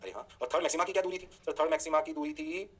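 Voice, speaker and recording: A man's voice: on the high side, very fast, fairly bright tone. A man teaching a physics lecture, answering his own questions in a mock student voice and chanting sing-song catchphrases. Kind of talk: energetic online lecture.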